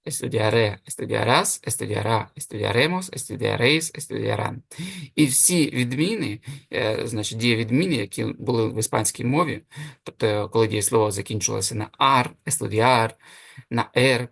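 A man with a gravelly, fry-tinged voice of middle pitch gives an online Spanish lesson. He explains step by step, slows down to say each Spanish form, and often pauses with fillers and restarts. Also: fairly bright tone, no room sound, clean studio sound. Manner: hesitant fillers and self-corrections. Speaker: Spanish teacher.

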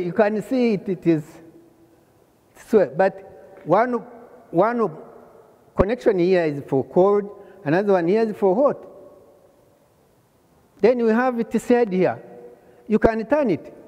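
An older man from Rwanda giving a hands-on plumbing lesson, pausing often and repeating phrases as he shows the parts. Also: high-pitched, warm tone, in a large hall, lo-fi sound. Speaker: plumbing instructor. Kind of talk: slow hands-on trade lesson. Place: large workshop hall.

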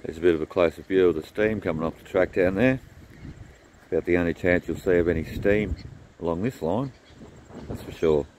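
A man's voice: low-pitched, fairly quick, darkish tone, slight background noise, low-quality recording. A man vlogging casually at a railway line outdoors in the rain, talking in a laid-back, chatty way into a handheld camera. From Australia. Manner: laid-back, chatty, sings a snatch of song. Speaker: train-spotting vlogger.

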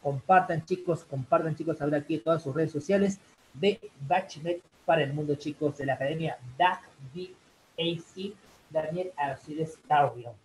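A fairly high-voiced young man runs a loose, chatty live English class, peppering his talk with "chicos" and "bien". A faint hiss sits under the recording. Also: normal speed, darkish tone, low-quality recording. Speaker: English teacher.

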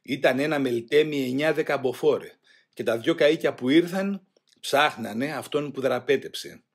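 A man reading a first-person memoir aloud in a grave, measured way. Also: medium pitch, slightly rough. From Greece. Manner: grave, measured, voicing shouted quotes louder. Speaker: audiobook reader.

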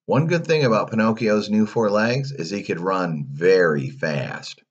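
A man reading a children's story aloud, animated, with playful asides. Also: on the low side, measured pace, husky, dull audio.

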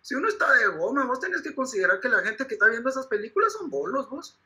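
A man's voice: very high voice, very animated, fast talker, sharp tone, low-quality recording. A man with a Guatemalan accent, ranting in crude slang as an interviewee, full of profanity and rambling asides. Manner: rambling, profane, keeps saying "vos". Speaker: interviewee, actor of the film. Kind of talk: crude comedic slang-heavy rant.

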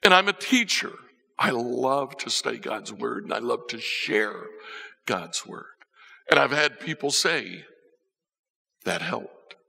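Standing on a church stage among band instruments, an older male pastor preaches slowly in a sing-song way, his pitch rising and falling through his stories. His voice is gravelly, slightly husky, and bright-edged, moving between soft and emphatic, and the hall adds a long reverb.

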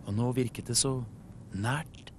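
A man from Norway narrating a children's TV story in an animated storytelling way. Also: medium pitch, a little hiss or hum. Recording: music playing behind.

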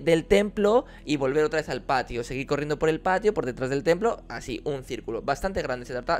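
Spanish man, kung fu teacher, animated storyteller with a fairly high voice, faint music underneath. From Spain. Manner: animated, bursts into shouting when reenacting. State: injured leg, resting. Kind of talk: casual storytelling to camera.

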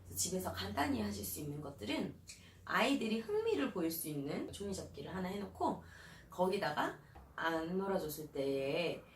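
A woman child counselor giving parenting advice in an animated way, often acting out the questions she would ask a child. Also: lowish voice, brisk. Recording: roomy, distant mic, faint hiss.

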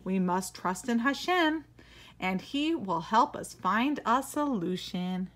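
A woman's voice: mid-range voice, expressive, takes it slowly, fairly bright tone. A woman voicing a resourceful young boy who keeps trusting and looking for solutions in a children's story. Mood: earnest.

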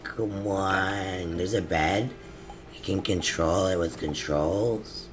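A man hosting a game role-play, joking loudly and laughing as he plays. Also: low voice, takes it slowly, noisy background. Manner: loud, laughing, joking outbursts. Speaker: gamer host.

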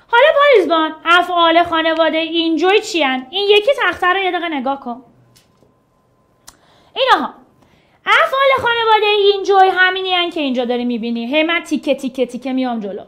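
A young woman with a Persian accent leads an English lesson in a high voice. She coaxes her students along with energy. She drills words in a sing-song rhythm. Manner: lively, coaxing, repeats phrases rhythmically. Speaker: online English teacher. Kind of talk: energetic classroom explanation.

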